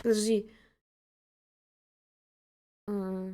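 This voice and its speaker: A woman's voice: medium pitch, flat delivery, extremely slow, noisy background. A woman casually commenting on a game live for her chat, in the gushing, giggly manner of a fan. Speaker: game streamer.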